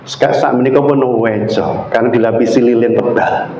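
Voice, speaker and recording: A male Islamic preacher with a Javanese accent, giving an animated sermon and quizzing the audience with questions. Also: mid-range voice, brisk, dull audio. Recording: echoey hall, faint background noise.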